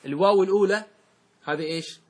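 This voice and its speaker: A middle-aged male scholar leads a grammar lesson in a somewhat high, husky voice. He keeps quizzing his students and repeats example words, drawing them out slowly. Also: a little mellow. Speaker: religious scholar teaching grammar. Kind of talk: classroom lesson with questions to students.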